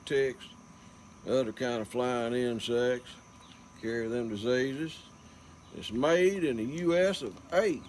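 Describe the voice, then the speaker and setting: A man with a Southern US accent, hosting folksy comic ad spots in a hammy, drawling way. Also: mid-range voice. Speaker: host of local advertising spots. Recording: faint background noise.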